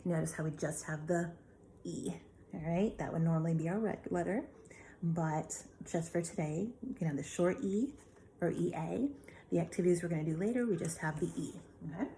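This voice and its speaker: Low-voiced woman teaching phonics. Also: fairly quick, warm tone, a little hiss or hum. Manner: patient, asks and answers her own questions. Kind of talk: remote phonics lesson.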